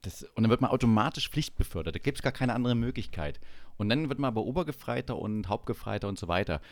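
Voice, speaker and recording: A man's voice: medium pitch, animated, quick pace, dry recording. A man in casual podcast talk, blunt and profane, retelling stories from his military service with energy. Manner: blunt, swearing, acts out shouting officers in anecdotes. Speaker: podcast co-host. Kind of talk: casual chat.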